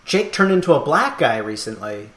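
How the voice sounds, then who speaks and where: A man hosts a casual podcast chat, thinking out loud with plenty of fillers and the odd laugh. His voice sits at an ordinary pitch. It carries a roomy echo from the space around him. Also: big pitch swings, normal speed. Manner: rambling, thoughtful, laughs often. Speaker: podcast host.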